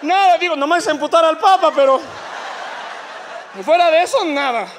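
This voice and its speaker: A man putting on the voice of a sulking middle-aged housewife, giving high, strained denials. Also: moderate pace, fairly bright tone, a little hiss or hum.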